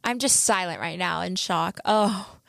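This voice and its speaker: A woman's voice: lowish voice, a little slow, creaky, a bit bright, no room sound, clean studio sound. A young adult woman co-hosting a podcast, giggly and reacting dramatically in casual chat. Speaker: podcast co-host.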